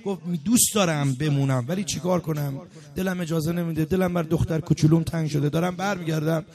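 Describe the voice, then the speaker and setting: A man preaching a mourning sermon to a gathering, telling stories with rising passion and bursts of shouting. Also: on the high side, fairly even intonation. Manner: impassioned, storytelling, rising to shouts. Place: gathering hall.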